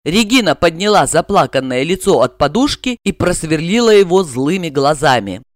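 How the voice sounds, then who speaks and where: A woman reads an audiobook novel aloud, her voice rising and falling with animated expression. She gives the narration a dramatic lilt. The sound is close and dry. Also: low voice, moderate pace, dry recording. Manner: lively, dramatic reading.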